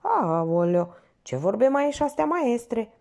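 A woman's voice: a little high, very animated, darkish tone, pitched above the performer's own voice. A woman voicing a fawning, gossipy older male theater porter in a novel she reads aloud. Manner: obsequious, gossipy, exclaiming.

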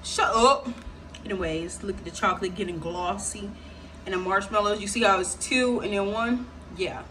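In a small indoor home kitchen, a young American woman hosts a home cooking vlog, speaking to viewers in a casual, playful, slang-filled way with a medium-pitched voice at a moderate pace. A phone or camera propped at a distance does the recording, which sounds distant and carries noisy kitchen ambience.

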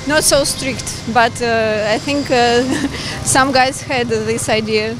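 A woman's voice: fairly high pitch, steady tone, slow pace, background noise. A young woman answering a street interview, hesitant and giggly, in simple phrasing, on a busy city street. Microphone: interviewer's handheld mic.

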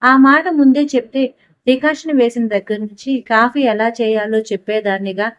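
A woman's voice: a little high, moderate pace, dull audio, close to an everyday voice. A woman voicing a young wife who speaks politely but curtly, holding back anger. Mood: firm.

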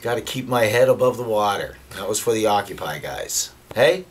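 A man in his fifties, born in the Netherlands, chatting as a musician guest in a rambling, animated way that repeats phrases. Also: on the low side, moderate pace. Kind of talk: casual interview chat. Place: basement utility room. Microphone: camera mic from a few feet away. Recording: distant camera mic, faint room hiss.

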